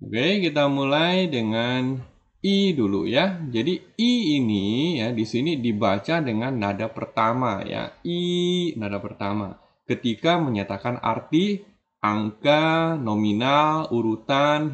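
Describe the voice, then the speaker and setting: An online language lesson features a man teaching Mandarin tones, drawing out his example syllables in a slow, expressive, medium-pitched voice. The video's audio is dull and lo-fi.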